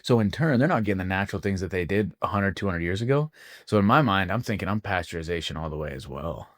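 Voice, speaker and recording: Deep-voiced man, dry close sound. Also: lively intonation, a bit bright, dry recording. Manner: measured, explains at length. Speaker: podcast co-host. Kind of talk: casual podcast chat.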